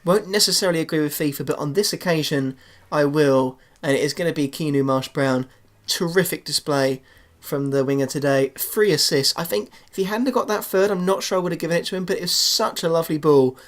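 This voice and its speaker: Excitable man commentating a football game. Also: a little fast, hardly any pauses. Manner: excitable, shouts goals then drops to a low murmur. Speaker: gaming YouTuber. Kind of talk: live commentary over a football video game.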